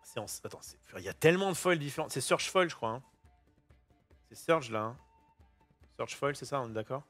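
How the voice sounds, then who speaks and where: Lively, chatty man opening card packs. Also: medium pitch, brisk, faint music behind. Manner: chatty and excitable, with casual slang and swearing; self-interrupting, thinking aloud. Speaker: host opening trading card boosters. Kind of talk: casual unboxing commentary. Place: home kitchen.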